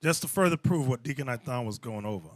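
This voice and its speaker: A man's voice: medium pitch, animated, fast, no echo. A man leading a Bible lesson as a bishop, calling out verses and explaining each one in a commanding way. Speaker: bishop teaching a class.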